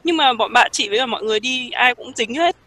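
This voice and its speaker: Bright-voiced young woman hosting. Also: on the high side, fast talker, no room sound. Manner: relaxed, leads the topics and reacts with laughter. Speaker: host. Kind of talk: casual chat.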